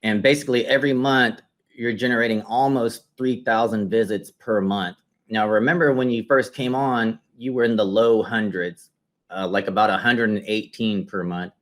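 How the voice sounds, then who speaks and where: Working as an interviewer and marketing consultant, a man questions a client and conversationally explains the results on a shared screen. His lowish voice stays steady at a moderate pace as he walks the listener through each step.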